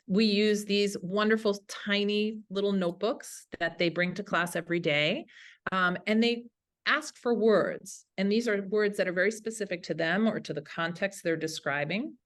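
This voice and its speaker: Her pitch is lowish and her tone a touch bright as she leads an instructional webinar for fellow teachers. The language teacher keeps things upbeat and casual throughout.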